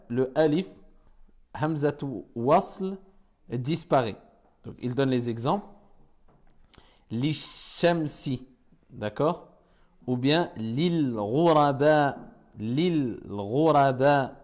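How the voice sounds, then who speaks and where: Brief: male teacher drilling pupils in a classroom, unhurried and patient, mid-pitched voice. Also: a little mellow. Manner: patient, repeats words and corrects pupils. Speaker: Arabic reading teacher. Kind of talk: classroom reading lesson.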